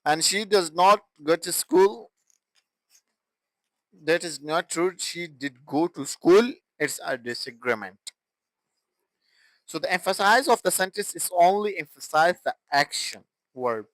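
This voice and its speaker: A young man teaching an English grammar lesson, explaining slowly and deliberately and repeating example sentences. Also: high-pitched, animated, fairly bright tone, dry recording, low-quality recording.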